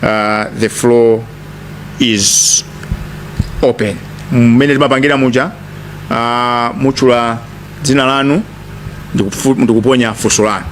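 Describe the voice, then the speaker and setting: A man's voice: mid-range voice, steady tone, measured pace, pauses often, slight background noise. A man with a Malawian accent giving an emphatic political speech at a press briefing, often repeating phrases. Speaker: lead speaker at a press briefing.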